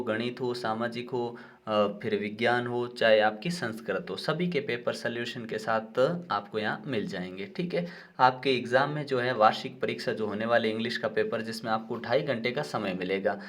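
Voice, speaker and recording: A young man teaching, with a voice of ordinary middle pitch. He works through an exam paper one question at a time, slowing right down on each question he reads. After every answer he checks in with the listener. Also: a bit bright. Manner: explains step by step, reads English questions out slowly, says "ठीक है" often. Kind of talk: exam paper walkthrough lesson.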